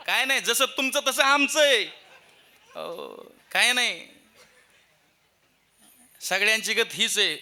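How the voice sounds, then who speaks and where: A man's voice: sits high, pushed and bright. A man with a rural Marathi accent giving a humorous devotional sermon at a temple festival, telling comic stories and acting out voices. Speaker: kirtan preacher.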